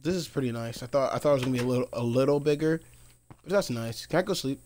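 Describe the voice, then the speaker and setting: A man's voice: medium pitch, fast talker, darkish tone, a little hiss or hum. Man, live game streamer, casual rambling play-by-play, mutters to himself, laughs a lot. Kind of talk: casual live gameplay commentary.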